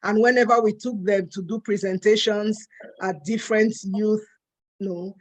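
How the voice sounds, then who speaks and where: A woman's voice: medium pitch, fairly even intonation, normal speed. Earnest woman co-host. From Cameroon. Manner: earnest and emphatic. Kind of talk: panel discussion.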